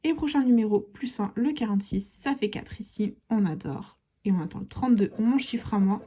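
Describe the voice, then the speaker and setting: A woman with a mid-range, warm, slightly rough voice talks at a normal speed while scratching lottery tickets in a casual video. She chats with her viewers like friends, calling them "les copains," and sometimes drops to a half-whisper during her scratch-card commentary.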